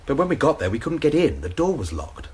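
The actor's mid-range voice is sing-song and fast, with a breathy edge. He portrays an anxious young male student under suspicion in a BBC radio drama, relating events in a worried, rambling manner.

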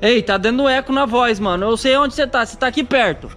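A Brazilian man with a fairly high voice narrates a scary vlog outdoors at night, nervous and calling out to his viewers. His talk is worried and keeps reaching for his friend. Faint music plays behind him. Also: fast talker, pushed and bright. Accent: Brazilian Portuguese. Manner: anxious, calling out and talking to viewers. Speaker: YouTuber. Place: outdoors at a country house at night.

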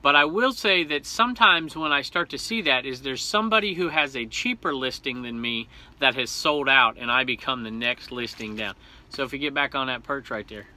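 A man's voice: mid-range voice, expressive, moderate pace, pushed and bright. A man in his forties talking casually about his resale finds, upbeat and rambling, filmed at arm's length in a small cluttered room at home. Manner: chatty, upbeat, rambling with self-corrections. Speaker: reseller vlogger. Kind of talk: casual haul vlog.

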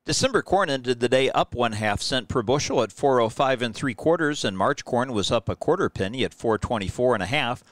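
A man hosting a farm radio show, reading market prices and news in a brisk announcer delivery. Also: mid-range voice, fairly bright tone, dry recording.

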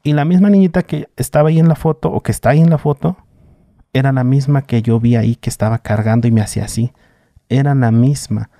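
A man's voice: medium pitch, fast talker, no room sound, studio quality. A man with a Mexican accent, a podcast guest, recounting a personal story in casual slang and acting out the others' lines. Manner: animated retelling with slang and voices for others.

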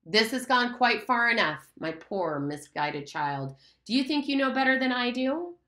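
A woman's voice: fairly high pitch, sing-song, measured pace, bright, forceful tone, voice pushed up, exaggerated voice. A woman reading aloud and voicing a mocking, menacing pig's head that speaks as a beast, in a room with a noticeable echo. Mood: threatening. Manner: taunting, condescending, menacing. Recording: roomy echo.

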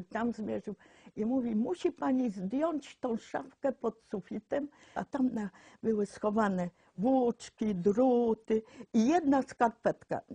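A woman's voice: medium pitch, warm tone, slightly rough, no room sound. A woman in her eighties telling personal anecdotes informally, acting out what others said, recorded indoors at close range. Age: 80s. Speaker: local resident being interviewed. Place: small cluttered room indoors.

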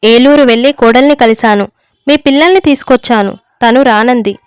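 Impatient grown son brushing off his dad, a woman reads him high and clear, dry sound. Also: normal speed, dry recording, close to an everyday voice. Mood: dismissive. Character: grown son abroad, curt and dismissive.

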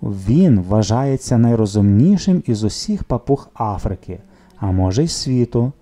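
A playful, fond father who teases his son with a mellow, lively voice, as a male narrator plays him. Soft music runs under the storybook reading. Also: on the low side, a little slow. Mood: teasing. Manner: teasing, fond. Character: warm, playful father back from travels.

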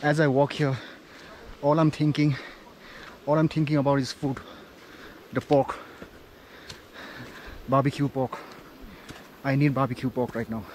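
A man chatting to his camera as he hikes up a trail, winded from the climb. His voice sits at a middle pitch, and steady outdoor noise is heard clearly behind him on the camera audio. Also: a little slow, long pauses. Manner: chatty, talking to camera while hiking. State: out of breath. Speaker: travel vlogger. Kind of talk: casual hiking vlog.

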